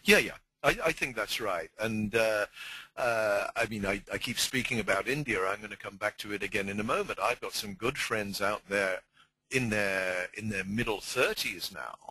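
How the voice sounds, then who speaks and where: A man's voice: lowish voice, moderate pace, pushed and bright, slightly rough, no echo, poor audio. A man, a communication trainer, explaining his ideas conversationally in an interview and often repeating words as he searches for the phrase.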